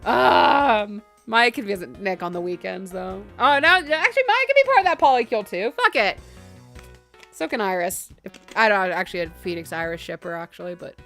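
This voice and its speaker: A woman streaming a game with casual, expressive, giggly and sweary live commentary. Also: mid-range voice, moderate pace, faint music behind.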